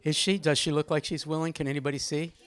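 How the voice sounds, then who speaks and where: At a live gathering indoors, a host leads a group discussion, teasing people conversationally and calling on them by name, with some poetry reading in the informal moderating. The voice is mid-range and smooth, with fairly even intonation and a fast delivery.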